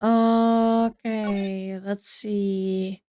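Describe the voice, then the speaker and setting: A woman's voice: mid-range voice, little pitch movement, extremely slow, warm tone. A woman streaming a video game, talking casually and thinking aloud, puzzled and laughing at herself.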